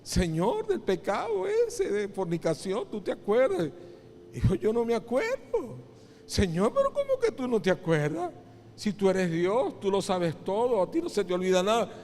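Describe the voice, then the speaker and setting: A man's voice: very high voice, wildly swooping pitch, measured pace, a little mellow, long reverb tail, pitched above the performer's own voice, full character voice. A man voicing a remorseful old man who tearfully begs God for forgiveness, in a sermon story. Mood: anxious pleading. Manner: pleading, tearful confessions.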